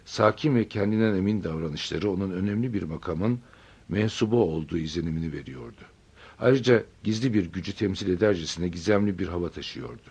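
Deep, husky male story narrator. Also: brisk, a little mellow. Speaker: audiobook narrator.

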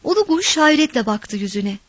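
A woman reading a village story aloud in a measured, expressive narration. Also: high-pitched, no echo.

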